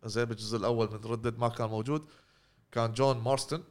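A man talks very fast in casual gaming podcast chat. He rambles, trailing off mid-word and restarting often, at a middling pitch. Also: steady tone. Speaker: podcast co-host.

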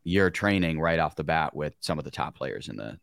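A man co-hosting an interview, asking steady questions and offering brief acknowledgments. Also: extremely low pitch, a little fast, vocal fry, no room sound, studio quality. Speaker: podcast co-host.

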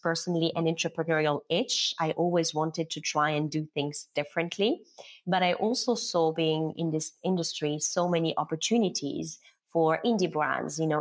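A middle-aged woman from Morocco, a company co-founder, telling her career story as an interview guest. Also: sits low. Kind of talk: interview conversation.

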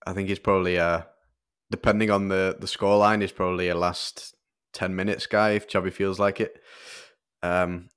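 A man co-hosting a football podcast, explaining tactics in a measured, analytical way with soft fillers. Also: low voice, flat delivery, smooth. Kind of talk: casual tactical football discussion.

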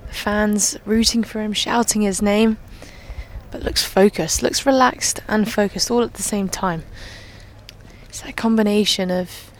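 A woman giving live on-course golf commentary, measured and often hushed as play goes on. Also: medium pitch, steady tone. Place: outdoors walking a golf course. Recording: outdoor course ambience, clear background noise.

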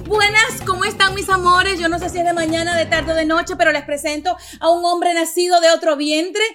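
A woman's voice: very high-pitched, fairly even intonation, a little fast, pushed and bright. A woman in her forties hosting a podcast, chatting playfully with a friend and laughing often. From Venezuela. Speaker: podcast host. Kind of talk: casual chat.

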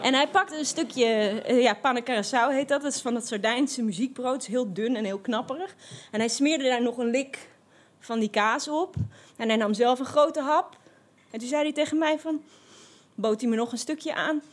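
A woman telling a personal anecdote in a lively, expressive way, with frequent fillers and restarts. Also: high voice, normal speed. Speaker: storyteller.

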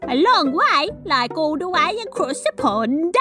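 A woman's voice: high voice, very animated, unhurried, sharp tone, soft background music, full character voice. A woman playing a cheerful, teasing cohost character on a children's cooking podcast, recorded close in a studio. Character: bright, upbeat female cohost of a kids' cooking show. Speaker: co-host character. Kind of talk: scripted children's podcast acting.

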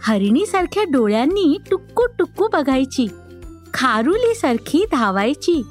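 A woman storyteller narrating a children's podcast in a high, very lively voice. She takes her time, playful and sing-song, with faint music underneath. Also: unhurried. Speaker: storyteller host.

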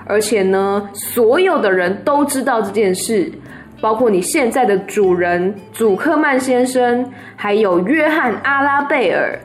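Storybook role: a woman reading a tired old goat, blunt and sighing, high voice, soft music behind. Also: animated, measured pace. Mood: weary. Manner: sighing, matter-of-fact.

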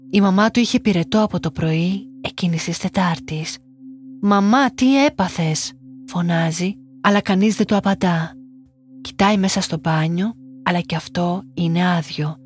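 A woman narrating a true crime story in a measured, somber scripted style. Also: on the low side. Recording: light music underneath.

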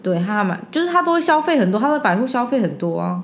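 A young woman with a Taiwanese Mandarin accent, talking bluntly and chattily on a podcast with quick interjections. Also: fairly high pitch, sing-song, a loud crowd. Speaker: podcast guest, older sister. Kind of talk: casual chat.

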